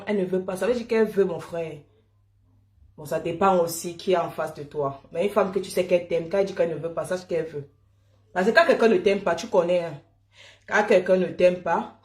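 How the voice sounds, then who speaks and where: A Cameroonian woman tells a personal story in a lively, chatty manner, laughing often and calling her listeners "mon frère." Her voice is on the low side and the sound is roomy.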